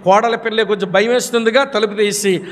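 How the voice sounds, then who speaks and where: A man preaching a sermon, telling stories and acting out the voices of the people in them. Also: a little fast. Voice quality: high-pitched, animated storytelling with acted quotes. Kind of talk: sermon with storytelling. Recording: long hall reverb.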